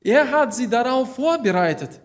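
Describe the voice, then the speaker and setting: A man preaching a sermon, reading Bible verses aloud and explaining them slowly and deliberately, with some hesitations. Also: very high-pitched, animated.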